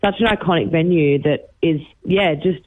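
A young Australian woman from Brisbane, a musician, talking excitedly in a radio interview, often restarting and giggling. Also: low voice, moderate pace, a little hiss or hum. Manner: bubbly, giggly, many restarts. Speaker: musician guest. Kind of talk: phone interview on breakfast radio. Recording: tinny phone line.

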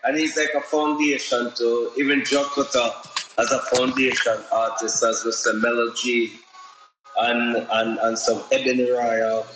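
A man who works as a DJ, talking loosely in an interview with halting starts and repeated "you know"s. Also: mid-range voice, level tone, roomy sound, music in the background, low-quality recording. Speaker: DJ, sound system member. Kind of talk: casual interview talk.

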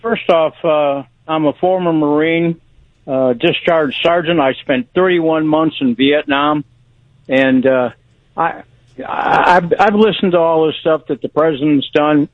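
Radio show caller, man in his seventies, slightly high voice, dry muffled phone line, halting speech. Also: no echo. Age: 70s. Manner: halting, repeats words and restarts. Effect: caller heard over a phone line on a radio show. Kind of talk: casual call-in chat.

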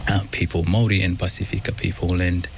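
Deep, flat-voiced New Zealand man. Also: a little hiss or hum. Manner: halting, thoughtful, many pauses. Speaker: dentist, studio guest. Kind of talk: radio interview. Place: radio studio.

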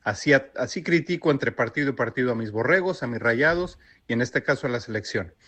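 A man's voice: medium pitch, expressive, a little fast, bright, forceful tone. A man from Mexico, living abroad, sending a firm, critical voice message to a radio show. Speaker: listener in a voice message. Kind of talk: sent voice message about football.

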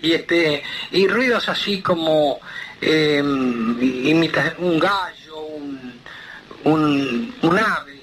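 A man with a Rioplatense Argentine accent rambles hesitantly through a casual phone conversation. His fairly high, expressive voice is very slow, and the noisy call picks up crowd noise.

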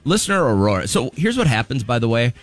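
A man's voice: medium pitch, big pitch swings, fast talker, soft background music. A man in his fifties co-hosting a morning radio show, chatting casually, laughing easily and poking fun at himself. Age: 50s. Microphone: studio microphone.

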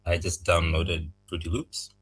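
A young man from Zambia, raised in Malawi, answering interview questions about making music in a soft, thoughtful, halting way. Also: low-pitched, level tone, husky, poor audio. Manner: soft-spoken, thoughtful, halting, laughs lightly. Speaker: music producer, guest.

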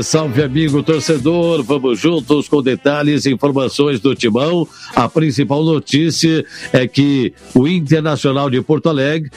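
Brazilian guy doing radio football news, velvet smooth voice, bit of music under it. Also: mid-range voice, a little mellow. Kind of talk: radio sports report.

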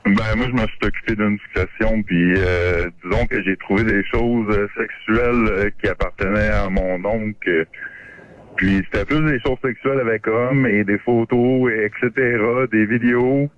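A male caller whose voice is run through a voice changer that pushes it low and unnatural. He speaks, halting and full of fillers. The sound comes over a dull, muffled call-in line. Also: steady tone. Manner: hesitant, many fillers. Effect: voice changer lowering the pitch.

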